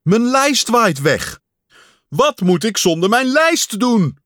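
A man's voice: a little high, animated, unhurried, dry recording, studio quality, pitched above the performer's own voice. A man voicing a fussy, anxious male toad who wails and panics when things go off his list. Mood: panicky. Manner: wailing, panicky when upset.

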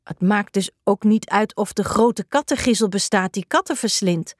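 A woman's voice: mid-range voice, normal speed, no room sound, clean studio sound, lightly acted. Woman doing an earnest storybook cat, curious, plain-voiced.

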